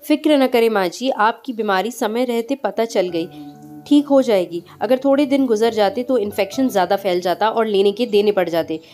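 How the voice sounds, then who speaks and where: Woman as a gentle young daughter-in-law. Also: on the high side, normal speed, lightly acted. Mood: polite. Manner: respectful, soft-spoken. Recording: faint music behind.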